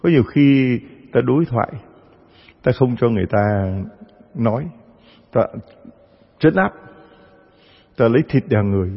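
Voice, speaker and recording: Priest giving a sermon, raspy voice, acts out other voices, reverberant lo-fi church recording. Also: male voice, medium pitch, expressive, normal speed, long pauses. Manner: storytelling, acts out parishioners' voices. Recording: dull sound with long church reverb.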